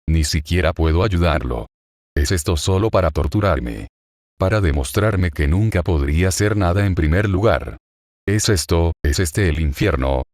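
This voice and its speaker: A deep-voiced man reading a desperate young woman. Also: darkish tone, no room sound, clean studio sound.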